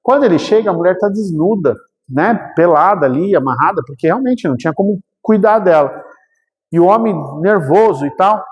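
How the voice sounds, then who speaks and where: Speaking a little fast, a man whose voice sits high shares a story as a guest speaker at a spiritual talk, his Brazilian Portuguese accent clear. He acts out the quotes and checks in with listeners often, with long hall reverb on the recording.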